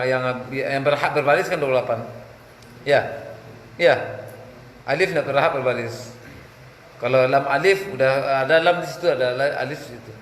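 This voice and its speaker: A man's voice: on the high side, a bit bright. Man teaching, chanting verses in an echoey room. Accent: Minangkabau-tinged Indonesian. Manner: explains by question and answer, chants verses slowly. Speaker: Quran recitation teacher. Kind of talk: tajwid lesson with chanted examples. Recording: echoey room with faint background noise.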